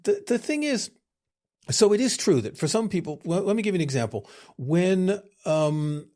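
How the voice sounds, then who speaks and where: A man co-hosting a podcast in casual chat, thoughtful with dry sarcasm, often pausing to rephrase. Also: high-pitched, sing-song, darkish tone. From living in Europe. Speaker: podcast co-host.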